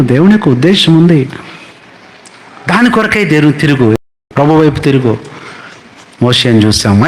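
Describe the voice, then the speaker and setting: A man preaching a sermon as pastor, animated, with big swings between high and low.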